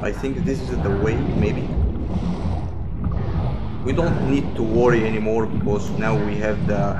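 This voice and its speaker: A man hosting a gameplay video with casual commentary, often repeating short phrases. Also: lowish voice. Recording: clear game noise behind the voice. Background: video game ambience.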